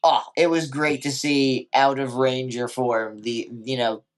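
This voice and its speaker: Male co-host, casual recap chat, profane, jumps into quick character voices, mid pitch. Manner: profane, animated, acts out characters' lines. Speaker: podcast co-host.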